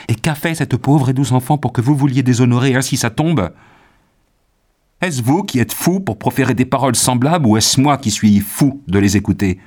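A man voicing a furious young nobleman. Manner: loud, high-strung outbursts. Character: young male nobleman, indignant and hot-tempered.

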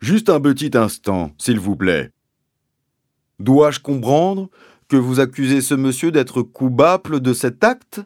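A man voicing a pompous, deliberate village police sergeant who speaks slowly and officiously. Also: medium pitch, expressive, darkish tone, dry recording, studio quality, voice pushed up.

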